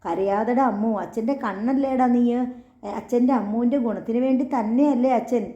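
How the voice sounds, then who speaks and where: A woman's voice: fairly high pitch, a little fast, dark tone, natural voice. A woman voicing a stern young husband and father who speaks curtly and lectures. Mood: soothing. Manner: curt, lecturing. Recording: echoey, slightly dull recording.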